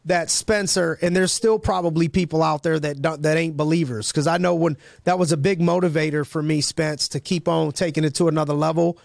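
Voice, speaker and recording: Hyped podcast host, dry sound. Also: male voice, on the high side, steady tone, a little fast, vocal fry, hardly any pauses, no echo. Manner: hyped, rambling, many restarts and slang. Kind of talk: casual interview chat.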